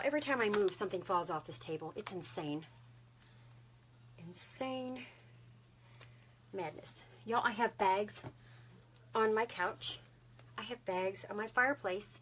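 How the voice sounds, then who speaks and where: A woman's voice: medium pitch, moderate pace, pauses often, a bit bright. A bubbly woman with a Texan drawl hosts a live craft stream at her home table. She talks to viewers in a chatty, friendly way, drops a lot of "y'all," and laughs often. A faint hiss of noise sits under her voice. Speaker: craft livestream host.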